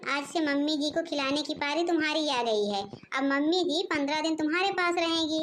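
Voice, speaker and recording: A woman's voice: sits high, brisk, fairly bright tone, a little hiss or hum. A woman voicing an elder daughter-in-law in a cartoon, explaining and persuading. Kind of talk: cartoon voice acting.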